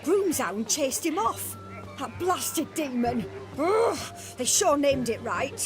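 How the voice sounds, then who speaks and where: An actress playing an excitable, proud mother of a bride in a video game, chatty, dramatic and easily indignant. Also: high-pitched, slow pace, exaggerated voice. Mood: exasperated. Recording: game music and crowd behind the voice.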